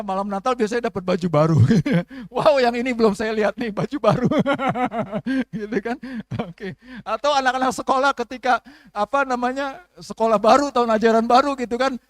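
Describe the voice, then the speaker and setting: Seorang pendeta pria paruh baya berkhotbah dalam ibadah gereja, sering bertanya kepada jemaat. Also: male voice, very high-pitched, fairly bright tone, dry recording, studio quality. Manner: preaching with call-and-response questions and acted prayers. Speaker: pastor. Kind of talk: sermon. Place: church service.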